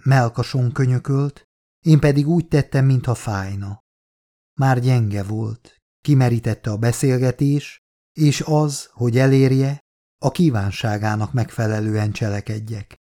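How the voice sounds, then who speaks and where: A man narrating a novel in the first person, in a calm, measured way. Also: medium pitch. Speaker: audiobook narrator.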